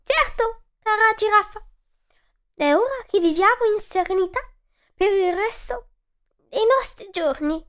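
A woman voicing a small, hot-tempered male mouse in a storybook reading, with a high, shrill, indignant delivery. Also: animated, unhurried, long pauses, fairly bright tone, full character voice. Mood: gentle.

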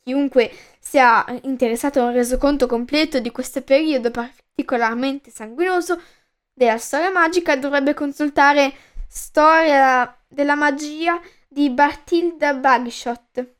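High-voiced woman reading a book aloud. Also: unhurried. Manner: playful, with light asides. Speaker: podcast host reading a book.

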